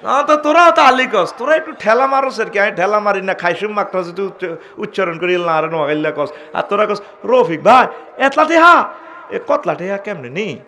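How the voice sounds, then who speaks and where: A man's voice: sits high, expressive, a little fast, sharp tone, slight background noise. A man with a Comilla Bengali accent preaching a humorous Islamic sermon, chanting verses in a sing-song voice and calling out to the crowd. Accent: Comilla Bengali dialect. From Bangladesh.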